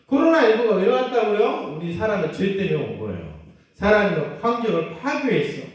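A man preaching as a pastor to children, animated, asking them questions and acting out quotes. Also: sits high. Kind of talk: children's sermon. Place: church hall. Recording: very echoey room, mic at a distance.

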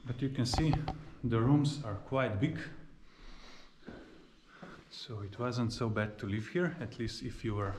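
A man in his thirties, a non-native English speaker, giving a calm running commentary as he walks through an abandoned mansion, filming himself with a handheld action camera. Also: medium pitch, a little slow, background noise. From former Yugoslavia. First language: Serbo-Croatian. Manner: explains calmly while exploring, slightly non-native phrasing. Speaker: travel vlogger. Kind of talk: casual walking tour commentary. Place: outdoors in a park, then inside an empty abandoned mansion. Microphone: action camera held at arm's length.

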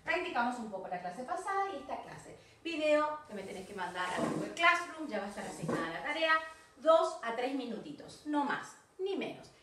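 A woman teacher with a Rioplatense Spanish accent, recording a video lesson for children and modeling English phrases slowly and with exaggeration. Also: high-pitched, very animated, fairly bright tone. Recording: echoey room, distant mic.

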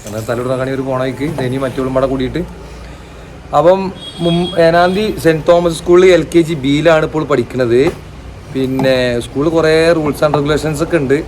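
A man's voice: on the high side, fairly even intonation, fairly quick, a little mellow. A young man, chatting casually to camera for a family vlog and teasing his daughter with questions. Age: young adult. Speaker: vlogger father. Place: outdoors by a roadside. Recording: noisy outdoor ambience.

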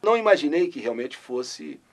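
A man's voice: a little high, sing-song, normal speed. An older man from Brazil, a radio host telling his story in an interview and bursting into his catchphrase. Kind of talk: interview recollection.

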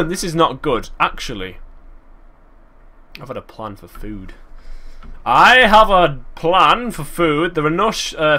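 A man giving chatty, excitable gameplay commentary, thinking aloud and breaking into sudden exclamations. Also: mid-range voice. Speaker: gaming channel host.

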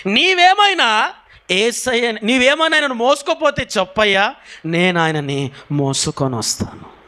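A man's voice: high voice, normal speed, pushed and bright. A man playing a grieving woman who pleads and questions tearfully in a sermon retelling. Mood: pleading.

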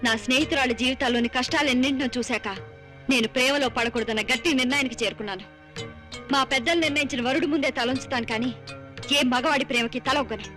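A woman's voice: high-pitched, fast, fairly bright tone, faint music behind. An actress playing a principled young woman who firmly and reproachfully turns down a suitor. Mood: stern. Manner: firm, reproachful. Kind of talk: Telugu film drama.

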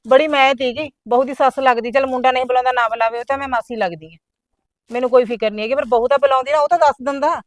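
A woman's voice: high voice, fairly even intonation, no room sound, natural voice. A middle-aged woman playing an aggrieved younger sister who rattles off complaints in a village family drama. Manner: complaining, rapid-fire grievances.

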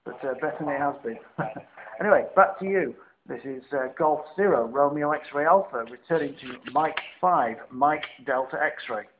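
A man's voice: on the high side, moderate pace. Northern English man, thin lo-fi sound. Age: middle-aged. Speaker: amateur radio operator. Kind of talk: chatty ham radio contact with phonetic call signs. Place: indoor room at home. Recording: thin lo-fi camera audio, faint hiss.

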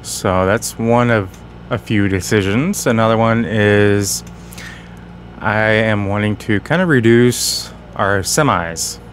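A man's voice: lowish voice, slow, slight background noise. A man hosting casual game commentary, talking slightly off as he guards a sore, bitten tongue. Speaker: gaming channel host.

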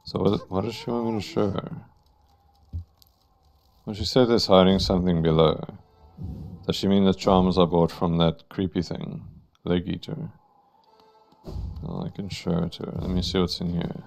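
A man playing a video game and musing quietly to himself as he plays. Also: low-pitched, steady tone, normal speed, vocal fry, pauses often, faint music behind. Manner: musing, quiet, thinking aloud. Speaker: gamer. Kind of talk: let's play commentary.

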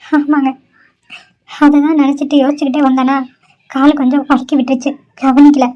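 A woman's voice: high voice, level tone, normal speed, dark tone, dull audio, close to an everyday voice. A woman voicing a sad young cartoon woman. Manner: sorrowful, despairing. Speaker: cartoon character.

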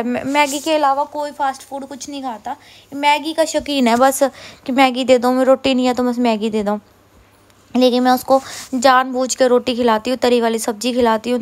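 A woman in her thirties from India, chatting casually at home about her day as she does chores, rambling and often correcting herself. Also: on the high side. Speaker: vlogger. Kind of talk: casual chat while doing chores.

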